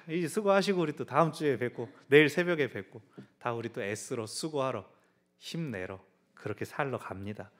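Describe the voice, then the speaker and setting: A man's voice: mid-range voice, a bit bright. A man preaching a sermon as pastor, conversational and humorous, with dramatic acted-out quotes. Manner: dramatic, acting out quoted voices with big swings.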